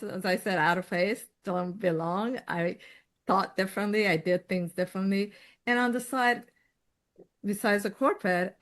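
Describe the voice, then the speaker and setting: A middle-aged woman from Iran, a guest in an interview, talking in a lively way and often laughing as she tells her story. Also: mid-range voice. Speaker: podcast guest. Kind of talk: conversational interview.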